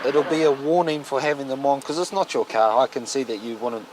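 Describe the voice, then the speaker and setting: A man's voice: mid-range voice, a little fast. A man with a broad New Zealand accent, a police officer speaking bluntly and firmly in colloquial language to members of the public. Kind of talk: on-the-job talk with members of the public. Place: outdoors on a residential street. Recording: noisy outdoor location sound with traffic.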